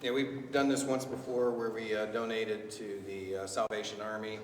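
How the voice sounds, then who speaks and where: Low voiced police guy giving a plain update, echoey and far off mic. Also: level tone, normal speed, slight background noise. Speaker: police official. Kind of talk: reporting at a council meeting. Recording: echoey council chamber, distant mic.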